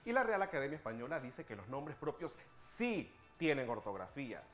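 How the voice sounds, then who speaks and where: A man hosting a TV language segment, patiently explaining spelling rules and slowing down to spell out examples. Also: medium pitch, very animated, fairly bright tone, soft background music.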